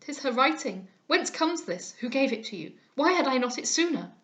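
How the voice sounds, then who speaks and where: A woman reading aloud voices an anguished, remorseful aristocratic father, an older man given to impassioned, declamatory outbursts. Her voice sits high, sing-song and a bit bright, at normal speed.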